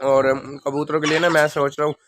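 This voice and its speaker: A man's voice: fairly high pitch, level tone, a little fast, noisy background. A young man with a Pakistani Urdu accent, feeling feverish and unwell, rambling casually to viewers while feeding his birds in a vlog. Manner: plain, rambling talk to viewers. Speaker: vlogger keeping birds. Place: outdoor rooftop bird enclosure. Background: chickens and birds clucking.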